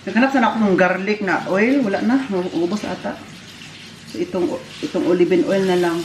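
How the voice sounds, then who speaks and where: A Filipina vlog host with a mid-range voice films a casual family vlog on a handheld phone, chatty, quick to laugh, and switching languages. She moves between a home kitchen and an outdoor walk, and the roomy sound is filled with loud frying and sizzling.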